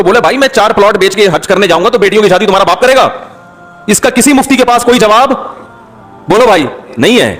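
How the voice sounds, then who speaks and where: A male cleric preaching with an emphatic, impassioned, scolding delivery. His voice sits fairly high for a man. Faint music plays behind him. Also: fairly bright tone. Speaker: Islamic cleric. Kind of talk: religious talk to an audience.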